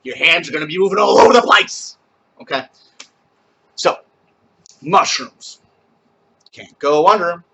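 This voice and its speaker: A man casually teaching a camp skit at home, explaining each step and then breaking into loud, rising call-and-response chanting. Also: a little high, animated, unhurried, creaky, long pauses, husky, dull audio.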